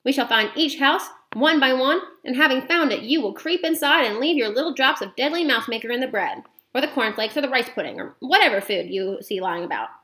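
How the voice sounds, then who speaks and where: A woman voicing a feisty, forceful old grandmother. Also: sits high, expressive, a little fast, hardly any pauses, voice pushed up. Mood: determined. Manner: forceful, emphatic. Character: bold, feisty old grandmother witch hunter.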